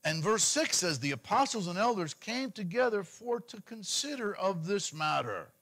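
Middle-aged male preacher, high and lively voice, casual sermon with many restarts. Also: normal speed. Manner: animated, conversational preaching with frequent repetitions. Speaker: congregation leader.

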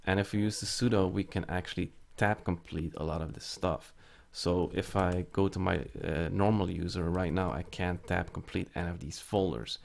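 A man's voice: low-pitched, fairly even intonation, normal speed, vocal fry, hardly any pauses, a little mellow. A man giving a casual step-by-step screen-recorded tech tutorial, explaining as he types commands with frequent fillers. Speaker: network tutorial presenter.

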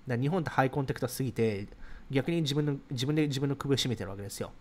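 A man's voice: mid-range voice, darkish tone. A man in his thirties hosting a casual livestream, reading viewer comments aloud and answering them in a chatty, explanatory way. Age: 30s. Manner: rapid, chatty, explains ideas while reacting to comments.

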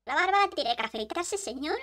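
A woman's voice: high voice, animated, moderate pace, pushed and bright. A young woman, joking playfully while chatting through quiz questions. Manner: playful, jokey, laughing. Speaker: vlogger. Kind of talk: casual quiz chat.

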